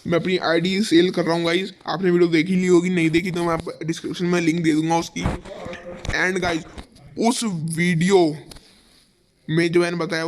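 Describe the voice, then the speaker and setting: A young man giving excitable live commentary over his own game, calling his viewers "guys" again and again. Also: a little high, a little hiss or hum. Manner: excitable, fills every phrase with "guys". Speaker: gaming YouTuber.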